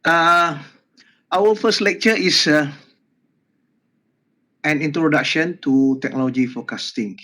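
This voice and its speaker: An older man giving a university lecture on a video call, halting with many fillers and repeated words. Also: on the high side, pushed and bright, poor audio. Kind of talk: online class lecture.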